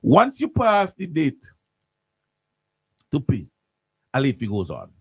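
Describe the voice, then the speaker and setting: Man, radio host, lively husky rant, dry studio sound. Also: a little high, slow pace, no echo. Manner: animated, repetitive ranting with stammered restarts. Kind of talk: morning radio talk.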